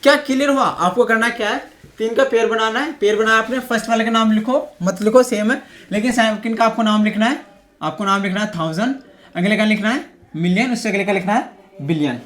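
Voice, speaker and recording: A woman with a fairly high voice teaching maths in a classroom style. She explains step by step and keeps asking whether it is clear. Her voice sometimes drifts away from the mic as she writes. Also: a little fast. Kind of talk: classroom-style math lesson.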